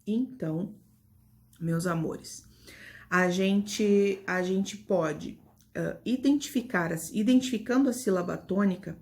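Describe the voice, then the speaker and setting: Slow, gravelly Brazilian woman teaching kids. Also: mid-range voice, darkish tone. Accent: Brazilian Portuguese. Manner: slow, patient, affectionate teacher talk. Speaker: primary school teacher. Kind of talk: online grammar lesson for children.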